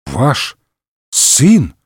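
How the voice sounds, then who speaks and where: A man voicing an excitable young Gascon musketeer in a comic audiobook. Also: mid-range voice, normal speed, no room sound, clean studio sound. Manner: excitable, exclamatory.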